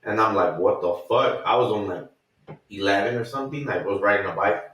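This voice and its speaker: A man's voice: on the low side, fast, far from the mic. A man in his thirties from the US, telling profane, rambling stories on a casual podcast. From United States. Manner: profane, rambling, animated retelling with acted quotes. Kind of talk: casual storytelling. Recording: echoey room, off-mic.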